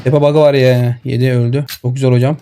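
Over gunfire and game sounds in a very noisy recording, a male streamer excitedly narrates his shooter match through a headset mic. He addresses his viewers and yells at the enemy in a mid-range voice at a fairly quick clip.

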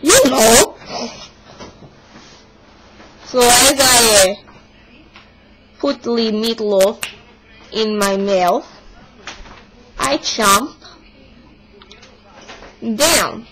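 A woman's voice: on the high side, very slow, pauses often. A young woman performing a comic monologue as a stubborn young Russian woman, with a put-on Russian accent and broken English. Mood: indignant. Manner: broken English, dropped articles, exaggerated complaining. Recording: noisy home video recording.

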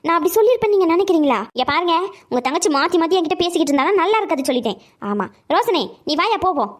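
A woman voicing a fierce young mother who scolds in a sharp, indignant way in a cartoon. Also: extremely high pitch, sing-song, rapid-fire. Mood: defiant. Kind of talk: cartoon voice acting.

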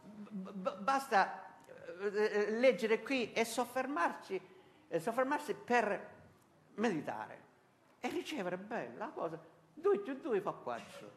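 A male pastor from Italy reads Scripture and preaches in an emphatic, fervent way. His speaking voice sits fairly high, punctuated by frequent alleluias and amens and some halting asides. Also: very animated. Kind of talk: sermon with Bible reading.

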